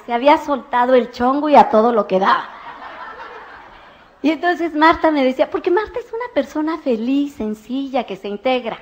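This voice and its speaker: A woman giving a motivational talk at a business convention, telling stories and acting out the dialogue. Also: high voice. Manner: animated storyteller acting out dialogue. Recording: muffled lo-fi recording.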